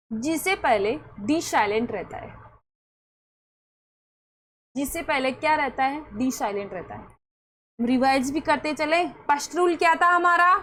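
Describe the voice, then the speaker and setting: Slow, high-voiced woman teaching. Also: a bit bright. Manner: patient, repeats rules and keeps checking if students understood. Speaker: English teacher. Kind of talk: classroom lesson.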